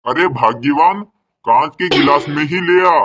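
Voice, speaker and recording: A man's voice: on the high side, moderate pace, close to an everyday voice. A man voicing an impatient, grumpy husband losing his temper. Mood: exasperated. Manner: exasperated. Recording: loud hiss behind the voice.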